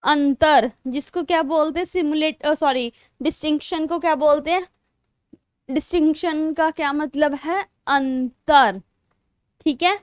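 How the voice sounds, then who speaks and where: A woman's voice: high-pitched, unhurried, no echo, clean studio sound. A woman with an Indian accent teaching English spelling online, spelling words out letter by letter and mixing Hindi with English. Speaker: English teacher for exam prep.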